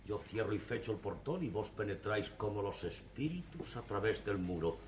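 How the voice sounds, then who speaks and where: A man's voice: fairly low pitch, expressive, moderate pace, lightly acted. An actor playing a suspicious, haughty sixteenth-century nobleman, speaking in a formal, commanding, archaic manner with a Spain Spanish accent. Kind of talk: 1960s TV stage play acting. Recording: echoey old TV studio sound.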